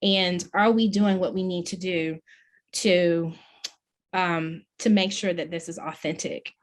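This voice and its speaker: A woman's voice: a little high, a bit bright. Earnest woman giving a keynote. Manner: earnest, questioning, emphatic. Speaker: plenary speaker, professor. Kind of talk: conference keynote address.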